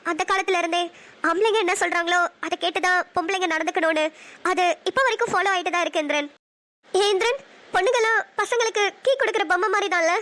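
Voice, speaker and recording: A woman voicing a teasing, emotional young wife in a cartoon, quick and sarcastic. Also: very high-pitched, pushed and bright. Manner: sarcastic, quick, prone to sobbing. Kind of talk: cartoon voice acting.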